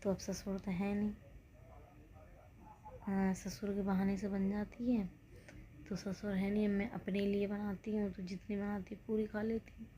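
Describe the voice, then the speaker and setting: A woman's voice: medium pitch, little pitch movement, normal speed, long pauses, dark tone, slight background noise. A woman in her thirties chatting casually to her viewers, unwell and rambling, sometimes dropping to a whisper. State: unwell with joint pain. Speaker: vlogger. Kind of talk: casual vlog chat.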